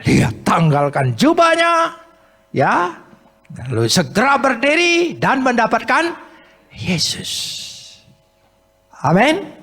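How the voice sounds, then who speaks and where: A man preaching a sermon at a church service, asking his congregation questions in a lively way. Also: very high voice, slow pace, long pauses, slightly rough. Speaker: pastor. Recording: long church hall reverb.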